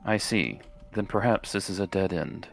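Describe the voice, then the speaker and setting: A man role-playing in a tabletop game, formal and measured, with a gravelly voice. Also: low-pitched, animated, soft background music. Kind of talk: in-character tabletop role-play.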